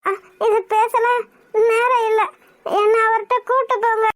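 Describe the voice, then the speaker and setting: A woman voicing a young injured girl in a cartoon, halting and weepy with confusion. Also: very high voice, flat delivery. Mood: dazed, tearful. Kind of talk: cartoon voice acting.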